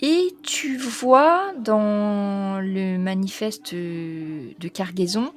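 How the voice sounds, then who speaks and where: A woman running a tabletop role-playing game as game master, reading out a long list with many pauses and fillers, stumbling over foreign names. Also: mid-range voice. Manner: reads foreign names haltingly.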